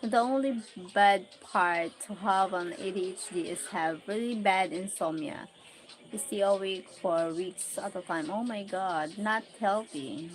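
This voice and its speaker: A woman's voice: medium pitch, unhurried, a little hiss or hum, low-quality recording. A Filipino woman in her forties with a Filipino accent, chatting casually on a livestream, reading out viewer comments and exclaiming often. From Philippines. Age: 40s. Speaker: livestream host.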